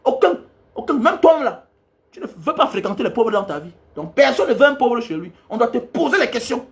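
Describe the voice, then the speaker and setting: A man's voice: very high voice, very animated, fairly quick, creaky. A young man, delivering a heated, scolding monologue as a travel advisor. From Cameroon. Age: young adult. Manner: angry, scolding, repetitive rant.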